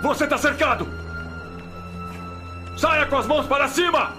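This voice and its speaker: A police officer on a megaphone. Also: male voice, very high-pitched, a little slow, music in the background. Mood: commanding. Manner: commanding, loud. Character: male police officer ordering a suspect out. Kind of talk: dubbed action film.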